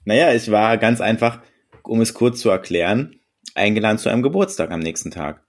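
A man playing a smug, drily polite character in an improvised comic phone role-play, wordy and bureaucratic with a deadpan manner. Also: fairly low pitch, fairly quick. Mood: guarded, deadpan. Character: smug, drily polite male landlord's agent and customer.

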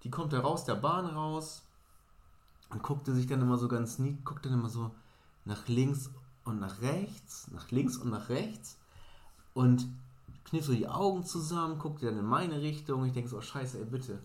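A man co-hosting a podcast tells a casual anecdote with animation and acts out the people in his story. His voice sits at an ordinary middle pitch, and a roomy echo hangs around it. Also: expressive, measured pace, darkish tone. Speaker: podcast co-host.

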